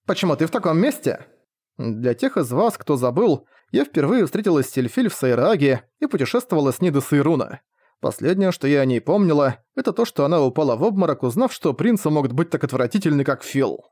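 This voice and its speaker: A man's voice: on the high side, sing-song, brisk, a little mellow. A man reading a first-person fantasy novel aloud, with a wry, sarcastic narrating manner. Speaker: audiobook reader.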